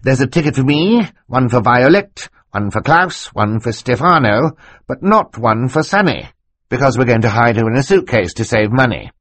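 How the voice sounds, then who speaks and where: Guy putting on a fussy excited old snake scientist, voice bouncing up high, a bit husky. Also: no echo. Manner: excited and fussy, talking fast over others. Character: excitable eccentric older male snake scientist. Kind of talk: audiobook character voice.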